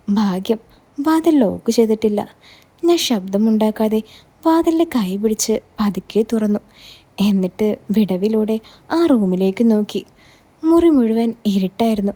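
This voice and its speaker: Woman storyteller, scripted narration, measured pace, mellow warm tone. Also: mid-range voice.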